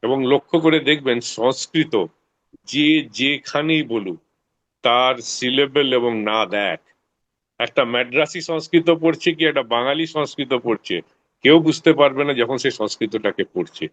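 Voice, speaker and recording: A man's voice: medium pitch, moderate pace, fairly bright tone. A man in a study group gives a rambling explanation with many hesitations and fillers. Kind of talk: explanatory discussion.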